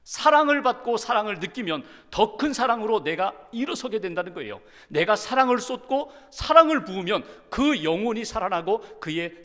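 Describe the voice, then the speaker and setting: A male pastor preaching a sermon in a church, animated, building repetitions and asking rhetorical questions. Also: high voice. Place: church sanctuary. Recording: long hall reverb.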